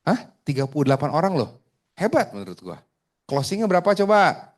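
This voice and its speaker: Joking insurance sales trainer. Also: male voice, a little high, very animated, brisk. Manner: joking, chatty, asks the room questions. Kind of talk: casual training talk to a group.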